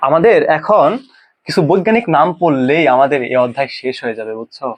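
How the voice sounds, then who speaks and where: A young man from Bangladesh, teaching a casual biology lesson and drilling pronunciations by repeating them slowly. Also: a little high, expressive, highs cut off. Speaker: biology tutor. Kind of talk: informal exam-prep lecture.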